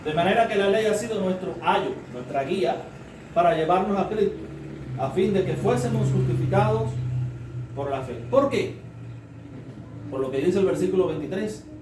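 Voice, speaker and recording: Male preacher, high voice, teaching sermon with rhetorical questions; distant mic, echoey room, faint noise. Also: moderate pace, pauses often. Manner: explains step by step, asks rhetorical questions. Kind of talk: sermon, Bible study teaching.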